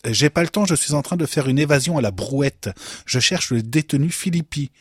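A man voicing a deadpan intruder who pushes a wheelbarrow into a prison, speaking in a flat, matter-of-fact way. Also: on the high side, brisk, breathy edge, no room sound, studio quality, pitched above the performer's own voice.

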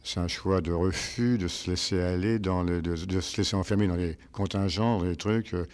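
An older man, a stage actor, answering interview questions in a rambling, halting way with many restarts. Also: low voice, fairly even intonation, darkish tone.

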